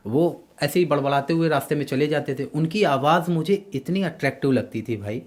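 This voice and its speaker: Lively storytelling man, fairly high voice. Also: fairly quick. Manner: lively anecdotal storyteller, explains patiently. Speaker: anchor and voice artist, guest. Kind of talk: casual podcast interview.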